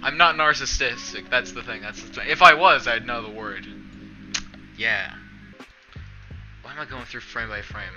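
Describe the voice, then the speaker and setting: Streaming from a small indoor bedroom, this young man, who works as a streamer and video editor, rambles through casual chat full of sarcasm, self-mockery and swearing. His medium-pitched voice sounds bright and forceful, a little slow with long pauses, and the muffled recording carries soft music behind him.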